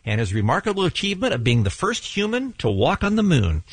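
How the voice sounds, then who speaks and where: A male radio host with a husky voice, delivering dramatic game show hype and building suspense in a studio on a close microphone. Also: fairly high pitch, sing-song, fast, dry recording.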